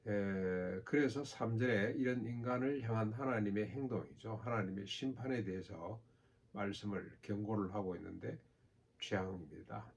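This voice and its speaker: An older male pastor delivers a sermon in a low, gravelly voice. He speaks in a measured way, posing rhetorical questions to the congregation.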